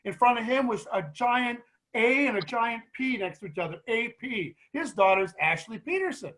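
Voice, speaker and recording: A middle-aged man speaking as a guest at a grief support meeting, telling a story to the group in a casual, animated way with many restarts. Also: extremely high pitch, moderate pace, rough recording.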